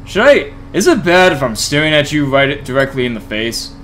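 A man's voice: on the high side, very animated, normal speed, fairly bright tone, soft background music. A man giving horror game commentary who swears and talks to the monsters. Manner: jumpy, swears and yelps at scares. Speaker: gaming YouTuber.

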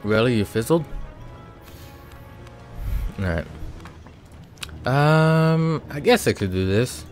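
A man's voice: medium pitch, expressive, slow, soft background music. A man giving casual let's-play commentary as a gaming channel host, thinking aloud with many ums and sighs.

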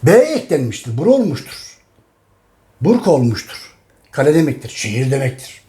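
A man's voice: medium pitch, big pitch swings, moderate pace, mellow. A middle-aged man talking casually to his audience, emphatic and repeating each phrase. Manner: addresses his audience directly. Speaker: host. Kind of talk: casual talk.

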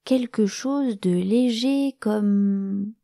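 A woman reading a children's storybook aloud, voicing a kind, encouraging male cricket with lively, high, coaxing exclamations. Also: very slow, gravelly, no echo, studio quality.

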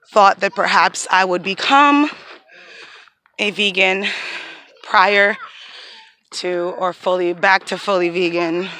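Walking uphill on an outdoor park trail with her phone at arm's length, a woman in her thirties records a casual vlog in a lowish, bright, forceful voice. Slightly winded, she comes across as devout and reflective, on the verge of tears.

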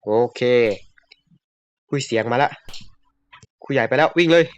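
A man giving casual, excitable commentary while he plays a video game, with frequent yelps. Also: medium pitch, a little slow, muffled recording, a little hiss or hum. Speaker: gamer.

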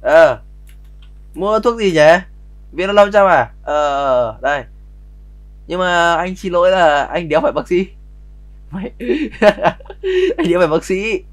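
High-voiced brash man. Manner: brash, swears freely, quick to pick arguments. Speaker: streamer playing a roleplay game. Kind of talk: casual in-game roleplay chat.

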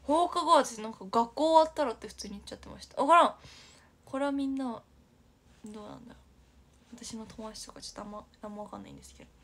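Talking very fast in a slightly high, somewhat bright voice, this young idol livestream host from Aichi, Japan keeps things casual. She chats and giggles, reads out viewer comments, and frequently sinks to a near-whisper.

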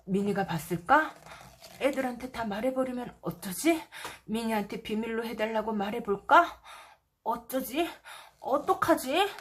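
A woman's voice: fairly high pitch, animated, unhurried, slight background noise. A woman voicing an anxious little schoolboy in a storybook, fretting and questioning himself while reading to toddlers. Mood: panicky. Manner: fretful, self-questioning. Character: anxious little schoolboy fretting about his new tail.

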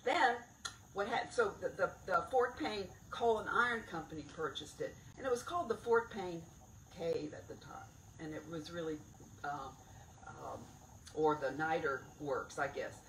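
Standing at a lectern mic beneath a tent by the woods, an older cave director delivers an informal, rambling talk and leans on key words. Her voice sits on the low side with a fairly bright tone at a moderate pace, heard from a distant camera with roomy outdoor sound and slight background noise.

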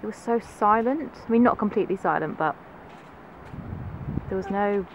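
A woman's voice: medium pitch, normal speed. A woman vlogging casually outdoors on a sailing boat, chatty and laughing as she talks. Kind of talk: casual vlog narration. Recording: noisy open-air deck recording. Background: wind and water noise.

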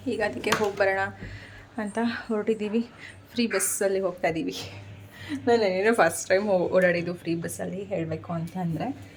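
A woman's voice: mid-range voice, fairly even intonation, moderate pace, a little hiss or hum. A woman with a Kannada accent, chatting casually to her viewers in a home vlog about family, shopping and heading out to the market. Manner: chatty, addresses viewers as friends. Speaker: vlogger.

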